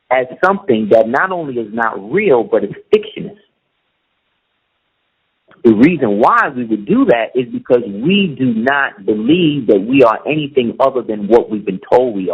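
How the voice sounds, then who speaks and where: A middle-aged man's mid-range voice comes through creaky with a breathy edge as he chats casually as a guest. Emphatic throughout, he keeps saying "you see what I'm saying," and the recording sounds muffled and lo-fi.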